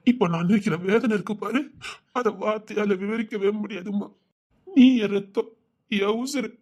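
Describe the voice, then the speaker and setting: A man acting in a TV serial cries as an anguished, grieving father begging his daughter's forgiveness, sobbing and pleading with bursts of tearful laughter. His voice sits high and darkish at a moderate pace.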